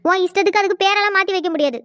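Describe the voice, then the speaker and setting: A woman's voice: very high-pitched, racing, a bit bright, dry recording, studio quality. A woman playing a stern scolding aunt. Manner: scolds sharply, lecturing on tradition. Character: stern middle-aged aunt, scolding and proud.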